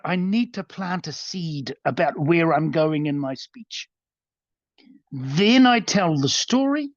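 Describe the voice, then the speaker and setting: A man's voice: high-pitched, dry recording. New Zealand man teaching over a dull call. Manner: earnest, stumbling restarts, repeats words. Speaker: guest workshop presenter. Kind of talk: coaching talk over a video call. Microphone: video call. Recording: dull, dry lo-fi video call audio.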